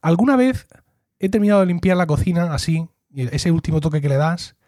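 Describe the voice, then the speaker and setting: A man's voice: a little high, lively intonation, a little fast, mellow, dry recording, studio quality. A middle-aged man hosting a podcast, chatting casually and acting out quoted dialogue as he tells a story. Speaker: podcast host. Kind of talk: casual chat.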